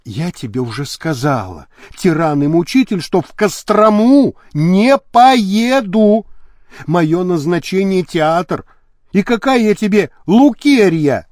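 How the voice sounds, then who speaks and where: Male narrator voicing a fiery young actress, high and shrill, very lively delivery. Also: dry recording, studio quality, heavily acted. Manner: shrill, exclaiming. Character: hot-tempered actress, young woman, hates her husband. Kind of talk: audiobook character voice.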